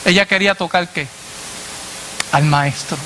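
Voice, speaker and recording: A man preacher delivering a sermon to a congregation, asking "what?" and answering himself in a lower voice, addressing listeners as brother. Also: a little slow, background noise. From Latin America. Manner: call-and-response questions, dropping low on the answer.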